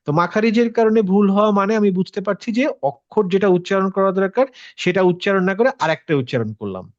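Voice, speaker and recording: A man's voice: high-pitched, lively intonation, fast talker, dry recording. A male tajweed teacher explaining patiently to a class, checking with students through questions and mixing in English words. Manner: mixes English words into his talk. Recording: slightly dull, dry lo-fi audio.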